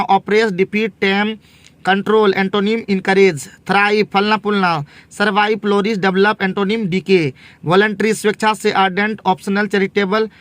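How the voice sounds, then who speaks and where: A man's voice: high voice, a bit bright, dry recording. A man tutoring vocabulary, reading out words, meanings and antonyms in a terse, list-like way with small fillers. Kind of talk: reading out word lists.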